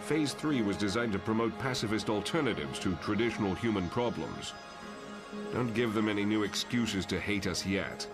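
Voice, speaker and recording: A man voicing a stern, lofty professor who lectures his mutant pupils in formal, measured speech in a motion comic. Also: on the low side, expressive, close to an everyday voice. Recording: music behind the voice.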